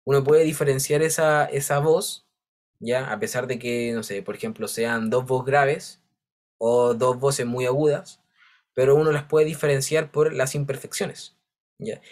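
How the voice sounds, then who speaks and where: A man's voice: mid-range voice, fairly even intonation, measured pace, a little mellow. Man, teacher, patient step-by-step explaining, frequent check-ins. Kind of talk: online class lecture.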